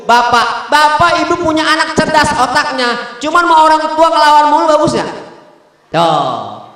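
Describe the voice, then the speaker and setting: High-voiced Betawi preacher in an echoing hall. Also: male voice, sharp tone. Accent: Betawi Jakarta. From Jakarta, Indonesia. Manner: joking, talks directly to the audience, chants Arabic verses. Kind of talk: humorous sermon to a congregation. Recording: very echoey hall with long reverb.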